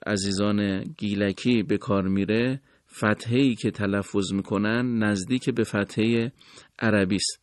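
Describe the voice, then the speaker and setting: A man with a lowish voice presents a radio lesson on recitation. His tone is formal, courteous and measured. The studio sound is close and dry, with no room echo. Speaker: Quran recitation teacher.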